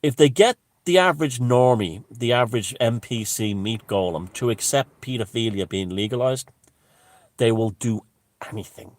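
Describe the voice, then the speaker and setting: A man's voice: medium pitch, normal speed, no echo. Emphatic Irish man, dry close sound. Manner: emphatic, profane, with broken restarts. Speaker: commentator. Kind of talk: unscripted opinionated monologue.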